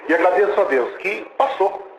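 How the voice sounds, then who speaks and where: This high-pitched Brazilian preacher, speaking at a moderate pace with a Brazilian Portuguese accent, shares a testimony full of animated storytelling, acted-out dialogue, and exclamations of praise. The room echoes, the highs are cut off, and the background is noisy.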